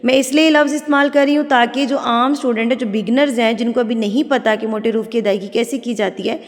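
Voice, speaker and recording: A woman's voice: on the high side, fairly even intonation, in a large hall. A woman teaching Quran recitation to beginners, explaining step by step and patiently repeating letter sounds. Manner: explains step by step, asks "theek hai?" often. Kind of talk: tajweed lesson for beginners.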